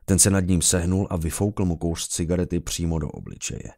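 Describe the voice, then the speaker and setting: Gravelly low-voiced male narrator for dark fantasy audiobook. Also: no room sound, studio quality. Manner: shifts into loud high shouting for characters.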